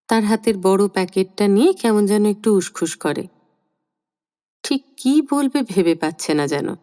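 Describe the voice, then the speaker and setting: A woman narrates a literary short story at an unhurried pace. Her voice is mellow and warm, and her pitch moves lively and expressively. A long reverb hangs after each line. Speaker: audiobook narrator.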